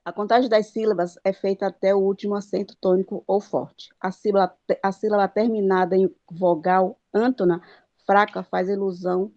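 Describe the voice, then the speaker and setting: A woman's voice: mid-range voice, dark tone, dry recording, dull audio. A woman with a Brazilian Portuguese accent giving a class presentation on poetic metre, reading notes with hesitant fillers and stumbles. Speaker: student presenter.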